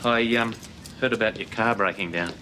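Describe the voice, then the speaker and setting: An actor playing a blunt, proud older Australian man in a television soap, speaking plainly and haltingly. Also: on the low side, bright, forceful tone, slight background noise. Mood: apologetic. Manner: halting, gruff, plain-spoken. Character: blunt, stubborn, proud but good-hearted older bloke. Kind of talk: television soap drama acting. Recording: TV soundtrack with music underneath.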